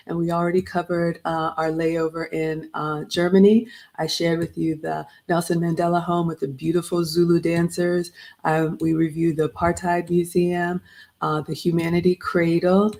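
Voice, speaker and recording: A middle-aged Ghanaian woman with a lowish, darkish voice hosts a vlog livestream. She chats casually with viewers, greeting them by name as she looks back on a trip.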